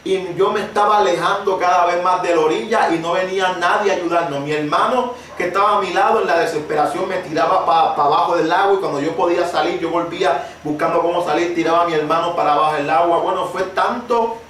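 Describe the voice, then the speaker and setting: A fervent preacher with a rather high voice, speaking with passion and building to shouts. His voice rings through a very echoey space and sounds distant from the microphone. Steady light background noise sits under the sermon. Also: fast, hardly any pauses. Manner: impassioned, emphatic, building to shouted peaks. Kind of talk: sermon with personal testimony. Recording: very echoey room, voice far from the mic.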